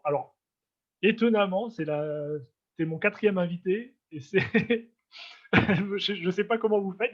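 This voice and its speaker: Chatty male interview host, fairly high voice, laughs often, muffled call audio. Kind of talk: casual interview over video call. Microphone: video call.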